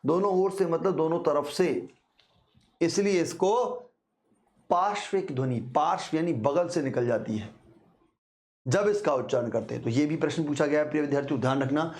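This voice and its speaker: A male teacher giving an exam-prep grammar lesson, explaining slowly, repeating key words and sounding out syllables for his students. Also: on the high side, a little mellow. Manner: addresses students repeatedly, slow deliberate explanation with repetitions; sounds out syllables to demonstrate pronunciation.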